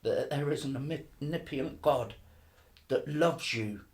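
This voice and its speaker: A middle-aged man, giving an earnest personal faith testimony, halting and often repeating his words. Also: medium pitch, a little mellow. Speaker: testimony speaker.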